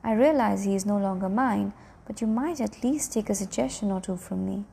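Brief: woman reading an old grandfather, stubborn and brusque, gravelly low tone, storybook reading. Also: brisk, dark tone, a little hiss or hum, lightly acted. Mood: testy. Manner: brusque, insistent.

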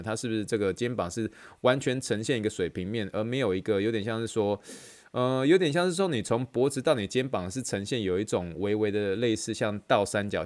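A man with a Taiwanese Mandarin accent hosting a podcast in casual, rambling chat that repeats phrases. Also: lowish voice. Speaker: podcast host.

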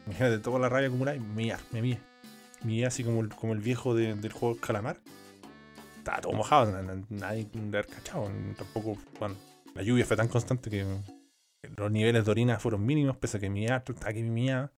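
A man's voice: on the low side, fairly even intonation, quick pace. A young man with a Chilean accent tells a long, rambling anecdote in casual talk. His delivery is crude and loaded with slang and swearing. Faint music plays in the background. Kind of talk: casual storytelling.

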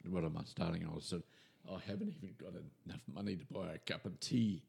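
A man's voice: deep voice, fast talker, creaky, husky. An older Australian man telling a personal story in casual chat and acting out the people he quotes. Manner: animated storyteller who acts out quoted voices. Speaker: podcast guest, retired minister.

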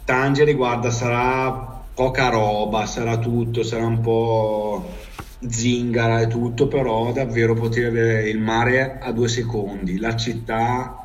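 A man with a northern Italian accent chats casually, spinning stories in a rambling, slangy way peppered with swearing. His voice sits at an average pitch. He sounds set back from the microphone. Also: little pitch movement, measured pace. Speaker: storyteller recalling life abroad. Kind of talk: casual storytelling chat. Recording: distant mic.

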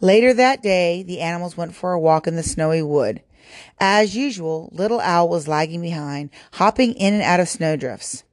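A woman hosting a podcast, reading a children's book aloud in a calm, clear, steady way. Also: fairly low pitch, moderate pace. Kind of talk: storybook read-aloud narration.

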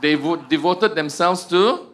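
A man with a Malaysian accent gives a funny teaching talk to a church group, poking fun at himself and ending sentences with "ah" and "huh." His voice sits on the high side and he takes his time. There's noise in the background.

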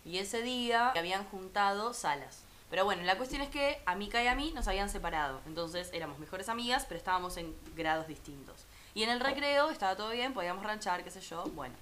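A woman's voice: mid-range voice, animated, quick pace, hardly any pauses, fairly bright tone, a little hiss or hum. A woman in her twenties with an Argentine accent, co-hosting a casual podcast chat with friends and telling stories with playful sarcasm. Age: 20s. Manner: joking storyteller, playfully sarcastic. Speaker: podcast co-host.

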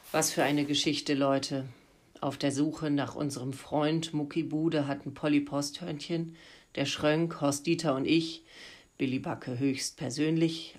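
A woman teacher reading a children's adventure story aloud to her pupils in a lively, playful way. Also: sits low.

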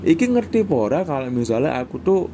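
A young man from Indonesia with a Javanese accent chats loosely on his own podcast, rambling and dropping in Javanese and English words. His voice is dark and mellow, and a faint hiss sits under the recording. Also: medium pitch, very animated, fast talker. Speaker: podcast host. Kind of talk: casual solo podcast chat.

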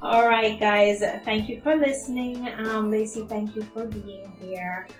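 A woman's voice: medium pitch, fairly even intonation, measured pace, soft background music. Encouraging woman host in an echoey room. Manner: affirming, encouraging, sums up the guest's points. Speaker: podcast host. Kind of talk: conversational interview.

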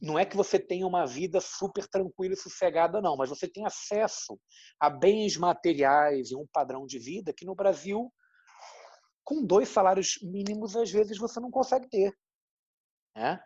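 A Brazilian man from Rio de Janeiro, a journalist with a husky voice, explaining his views at length in an interview. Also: high-pitched, moderate pace, a little mellow, no echo, muffled recording. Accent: Rio de Janeiro Brazilian Portuguese. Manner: explanatory, thoughtful, frequent "né?" tags. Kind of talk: interview answers.

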